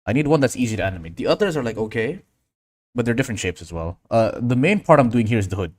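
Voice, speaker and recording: Very animated and fast, an Indonesian man with a mid-range voice hosts a casual tutorial livestream in clean, echo-free studio sound. He thinks aloud while working and reads and answers his viewers' chat messages.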